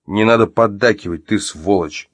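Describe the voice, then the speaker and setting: A man's voice: fairly low pitch, normal speed, no echo, close to an everyday voice. A man voicing an angry man who interrogates his ex-wife at gunpoint, growling and barking his questions in an audiobook. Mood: furious.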